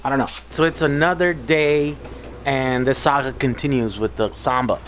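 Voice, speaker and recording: A vlogger in his thirties casually talks through a hands-on repair in his home garage, thinking aloud as he goes. His medium-pitched voice is steady and fairly bright at a normal pace, with faint music playing behind.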